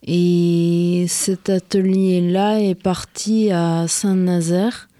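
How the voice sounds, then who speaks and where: Slow, halting woman in her thirties. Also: on the low side, little pitch movement, warm tone, dry recording. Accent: French, from western France. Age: 30s. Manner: halting, many pauses and fillers. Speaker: interviewee. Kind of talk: radio interview. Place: radio studio.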